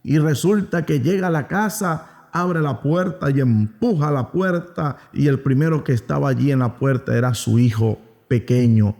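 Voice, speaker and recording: A man's voice: mid-range voice, moderate pace, vocal fry, hardly any pauses, a little mellow. A man with a Venezuelan accent preaching a Sunday school sermon, telling a story and acting out its quotes, calling his listeners "mis amados". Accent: Venezuelan Spanish. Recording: long hall reverb.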